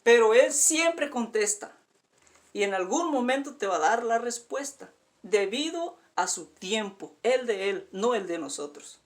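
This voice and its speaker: A man's voice: very high voice, expressive, measured pace. A man preaching a sermon, pleading with his listeners, calling them dear friend and repeating words for emphasis.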